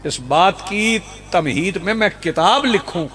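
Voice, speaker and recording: Pakistani male preacher, high voice, rhetorical outdoor sermon with repetition. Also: animated, measured pace, fairly bright tone. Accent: Pakistani Urdu. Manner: rhetorical, repeats lines for emphasis, rouses the crowd. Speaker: Shia preacher. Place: outdoor religious gathering.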